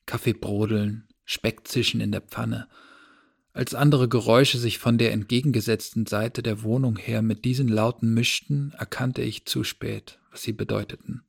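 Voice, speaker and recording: A man reading a novel aloud as a first-person narrator, in a measured, low-key storytelling manner. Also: fairly even intonation, creaky, breathy edge. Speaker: audiobook narrator.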